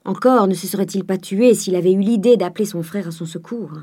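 A woman's voice: medium pitch, a little fast, mellow, husky, close to an everyday voice. Woman doing a prudent scolding notary. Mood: earnest. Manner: admonishing. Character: prudent middle-aged male notary, scolding.

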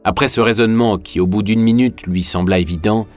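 A man narrating an audiobook in a measured, even reading voice. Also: lowish voice, soft background music. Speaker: audiobook reader. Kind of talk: scripted narration.

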